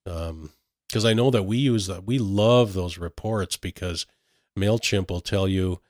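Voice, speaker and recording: A man chats through tech news as a podcast host, full of fillers and restarts. His voice sits very low. The sound is dry and close. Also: unhurried, a little mellow, no room sound. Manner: chatty, many fillers and restarts. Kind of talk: casual tech chat.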